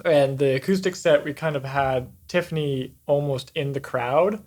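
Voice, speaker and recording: Rambling man, relaxed podcast guest. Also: medium pitch, normal speed. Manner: relaxed, rambling, many "like" fillers. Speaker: band member guest. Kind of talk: casual podcast chat.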